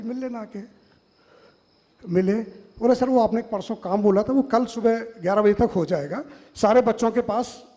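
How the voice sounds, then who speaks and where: A man's voice: high voice, darkish tone. A middle-aged man speaking on a panel, with a Madhya Pradesh Hindi accent, telling stories and acting out the voices of the people in them. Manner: anecdotal, quotes others in dialogue. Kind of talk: storytelling talk to an audience. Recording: hall reverb.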